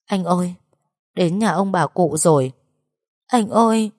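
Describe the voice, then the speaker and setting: A woman's voice: mid-range voice, moderate pace, no echo, clean studio sound, pitched above the performer's own voice, close to an everyday voice. A woman voicing a young wife crying out in tearful, desperate pleas. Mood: desperate pleading. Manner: pleading, tearful cries. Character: young wife, frantic and grief-stricken.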